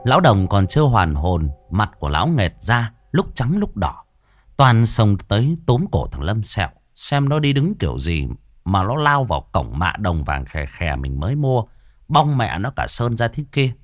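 A man narrating a story in a lively, expressive way into a close mic. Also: fairly low pitch, moderate pace, no echo.

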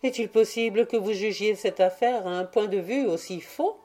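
A woman reading the part of a shrewd, self-assured young wife who teases gently but firmly, in an audiobook. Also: mid-range voice, moderate pace, soft background music, voice pushed up, lightly acted. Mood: indignant. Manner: gently teasing, firm.

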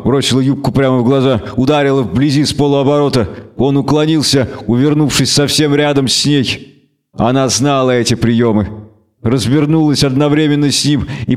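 Male audiobook narrator, measured and dramatic, mid-range voice. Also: medium pitch.

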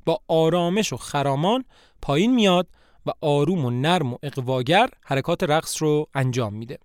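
A male podcast narrator retelling a play as a story, with a somewhat high voice. His pitch swings in a lively, animated way. The sound is close and dry, with no room around it. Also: smooth, no room sound.

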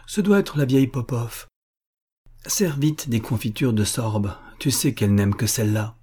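In a warm, husky, natural mid-range voice at a moderate pace, a man reads aloud as an elderly Russian country widow. Fussy and overjoyed, the doting mother raises her voice with affectionate exclamations over her son.

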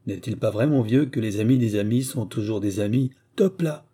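A man voicing a boisterous, hard-drinking army sergeant who talks loud and jovial, in an audiobook reading. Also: lowish voice, normal speed, breathy edge. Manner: loud, swaggering, jovial barrack-room talk.

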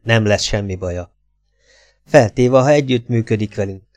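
A man voicing a cool, curt male American agent who asks his questions in short, flat sentences. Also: fairly low pitch, no room sound, natural voice. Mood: cold. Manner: terse and flat.

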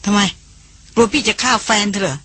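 A woman's voice: medium pitch, brisk, a bit bright, slightly rough. A woman voicing a protective older brother in an audiobook, blunt and scolding yet soothing. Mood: stern brotherly. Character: protective older brother, gruff but gentle, teasing. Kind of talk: audiobook character voice.

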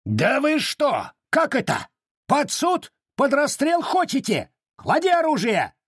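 A male narrator voicing a gruff older Cossack sergeant with a drawling, excitable manner. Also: on the high side, slow pace, no room sound, studio quality, voice pushed up. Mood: alarmed.

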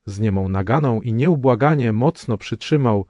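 A man narrates a novel in a measured, solemn way. His voice is dark and mellow, recorded dry and close, with a dull lo-fi sound. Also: medium pitch, lively intonation, dry recording. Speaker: audiobook narrator. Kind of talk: scripted narration.

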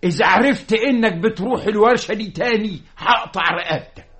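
An actor playing a stern, domineering middle-aged fez-maker father, speaking with an Egyptian accent in a radio drama, his voice a little husky. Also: sits high, brisk, fairly bright tone. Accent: Egyptian Arabic. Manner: domineering, blustering.

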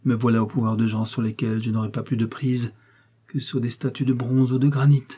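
A man's voice: flat delivery, a little fast, dark tone, husky, lightly acted. A man voicing a vengeful captive noblewoman who mutters her threats under her breath, in an audiobook reading. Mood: despairing. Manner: muttering low through clenched teeth.

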